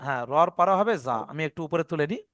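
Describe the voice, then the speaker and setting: A man gives a lesson on pronouncing Arabic letters, in clean studio sound with no echo. His voice is on the high side, expressive, fast and a bit bright. He's patient and repeats his points, sounding out each letter aloud and often checking that the learners are keeping up.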